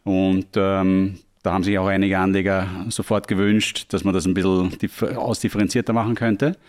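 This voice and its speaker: An Austrian man with a fairly low voice speaks in a casual podcast conversation. He slips English tech jargon into his relaxed, spontaneous explanations. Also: moderate pace.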